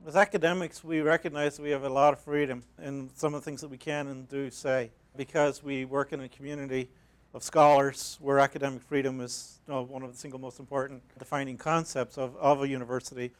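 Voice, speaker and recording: A man with a Northern Irish accent, an academic librarian giving a measured, explanatory conference talk. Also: medium pitch, little pitch movement. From Northern Ireland. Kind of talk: conference presentation.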